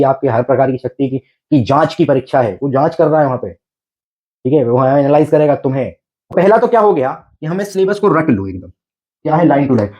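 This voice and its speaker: A man's voice: fairly high pitch, warm tone. A man teaching an exam preparation class, coaxing his students with repeated rhetorical questions and frequent check-ins. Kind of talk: exam coaching lecture.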